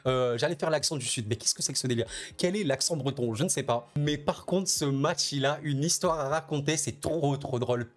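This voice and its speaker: Brief: French man, football tipster, chatty and excitable, slightly high voice, stacks repeated words. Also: brisk, few pauses. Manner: animated, repeats words for emphasis. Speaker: football predictions YouTuber. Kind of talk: casual spoken commentary to viewers.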